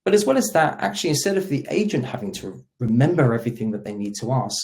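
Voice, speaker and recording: In a quick, sing-song, slightly mellow medium-pitched voice, a solution engineer hosts a webinar and runs through a product demo. His delivery is explanatory, with stress placed on the beginnings of his sentences.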